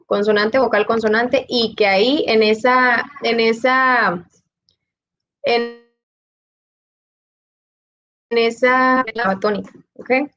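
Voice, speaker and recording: High-voiced woman teaching, lo-fi. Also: fairly even intonation, takes it slowly, long pauses, a bit bright. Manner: explains step by step, repeats key points, ends with "ok?". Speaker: English teacher. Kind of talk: recorded grammar lesson. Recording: dull lo-fi sound.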